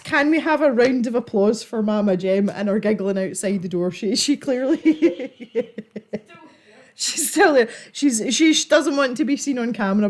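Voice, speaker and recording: A giggly woman with a Scottish accent, chatting informally as she hosts a livestream. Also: mid-range voice. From Scotland. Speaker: livestream host. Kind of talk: casual chat to a live audience.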